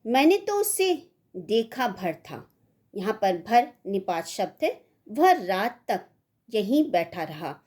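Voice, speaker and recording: A woman's voice: mid-range voice, darkish tone. A woman teaching a Hindi grammar lesson to schoolchildren, reading rules and voicing example exclamations with expression. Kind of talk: slow scripted grammar lesson.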